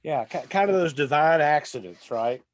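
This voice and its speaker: A man's voice: a little high, normal speed, no echo. A man hosting a Bible talk, telling a story in casual chat with lots of fillers. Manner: rambling, filler-heavy, relaxed storytelling.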